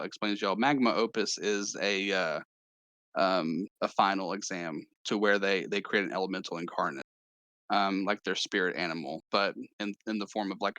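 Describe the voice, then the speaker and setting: A man running a tabletop game as game master, narrating in a halting way with many fillers and restarts. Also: low-pitched, fairly bright tone, no room sound.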